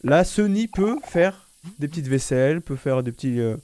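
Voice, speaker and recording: A man's voice: a little high, animated, moderate pace, dark tone, a little hiss or hum. A man streaming a casual live reaction, rambling and slangy, often restarting his sentences.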